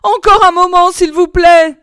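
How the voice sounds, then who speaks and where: A woman voicing a frightened young wife who pleads in a high, tearful voice. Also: measured pace, fairly bright tone, dry recording, studio quality. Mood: pleading frightened. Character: terrified young wife pleading for her life.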